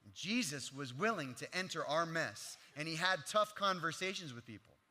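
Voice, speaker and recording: A male pastor preaching in an earnest, plain-spoken conversational style, animated and sprinkled with casual fillers. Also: a little high, moderate pace. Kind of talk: conversational sermon. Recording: long reverb of a large hall.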